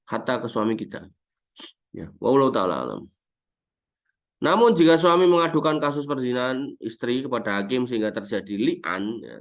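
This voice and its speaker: A man giving a conversational Islamic study lecture, often adding tag questions as he explains. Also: lowish voice. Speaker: Islamic teacher.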